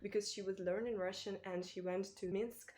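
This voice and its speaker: A woman from Ukraine with a Ukrainian accent, a native Ukrainian speaker, talking casually to camera as a booktuber in a thoughtful, halting way. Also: mid-range voice, fairly even intonation. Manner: thoughtful, halting, with small restarts and soft laughs. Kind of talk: casual vlog talk to camera.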